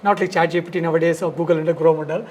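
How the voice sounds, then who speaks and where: A man with a South Indian accent and a gravelly, creaky voice, telling his story conversationally in loose, fragmented, repetitive phrases. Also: on the high side, little pitch movement, very fast, a little mellow, slight background noise. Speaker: dance studio founder and teacher, podcast guest.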